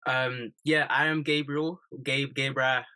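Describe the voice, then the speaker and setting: Bright-toned young man, playful. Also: medium pitch, flat delivery, a little slow, low-quality recording. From East London, England. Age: 20s. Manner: playful, jokey. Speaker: podcast co-host. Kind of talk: casual chat.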